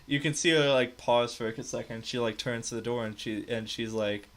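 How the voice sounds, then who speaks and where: Rambling young game master, bright tone. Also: male voice, medium pitch, fairly even intonation, normal speed. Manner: loose and rambling, many fillers and restarts. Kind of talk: narrating a tabletop game live.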